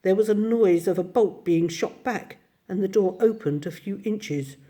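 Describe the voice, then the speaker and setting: Mellow-voiced woman reading a storybook. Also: mid-range voice, moderate pace. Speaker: narrator.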